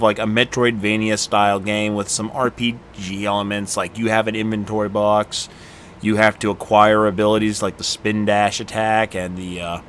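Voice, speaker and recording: A man's voice: lowish voice, a little hiss or hum. A man casually commenting on a video game as he plays, rambling with lots of fillers. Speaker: game streamer. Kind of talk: casual let's-play commentary. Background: loud video game music.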